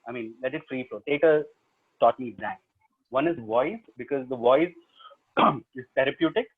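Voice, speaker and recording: A man's voice: medium pitch, expressive, normal speed, husky. A man with a South Indian English accent answering questions as a storyteller, plain-spoken and given to short emphatic statements. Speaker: storyteller and stage performer. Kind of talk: webinar question-and-answer talk. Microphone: video call. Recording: narrow, phone-like online call audio.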